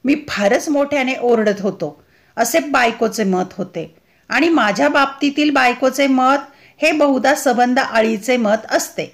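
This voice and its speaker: A woman teacher reading a humorous textbook essay aloud with clear, deliberate recitation. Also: sits high.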